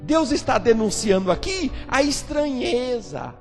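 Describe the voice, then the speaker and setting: High-voiced Brazilian preacher in reverberant church. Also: male voice, big pitch swings, measured pace. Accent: Brazilian Portuguese. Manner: emphatic, repetitive, acts out voices in quoted dialogue. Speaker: pastor. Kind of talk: sermon. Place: church sanctuary. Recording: reverberant church hall with faint music.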